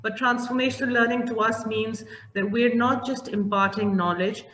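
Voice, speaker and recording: A woman's voice: on the high side, fairly even intonation, normal speed. A woman from Pakistan, a company head, talking on an online webinar with lots of fillers and restarts. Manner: warm, with many fillers and restarts. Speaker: CEO of a training company, webinar panelist. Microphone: video call. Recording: echoey room, faint background noise.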